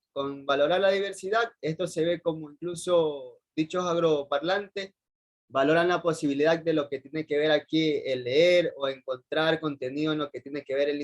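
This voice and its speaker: Young Ecuadorian male student, higher pitch, rambling and hesitant delivery. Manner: rambling, repeats stock phrases with many hesitations. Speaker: university student presenting. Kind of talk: class presentation over video call.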